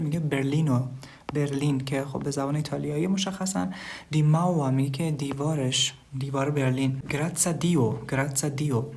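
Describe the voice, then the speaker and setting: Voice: medium pitch, creaky, darkish tone, slight background noise. A language teacher giving a casual online lesson, reading short phrases aloud and then explaining each one at length while talking to the students as "kids". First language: Persian.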